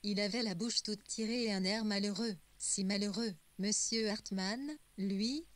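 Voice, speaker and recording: A woman narrates a classic novel in the first person. Her reading is measured and even, a steady audiobook delivery. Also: medium pitch.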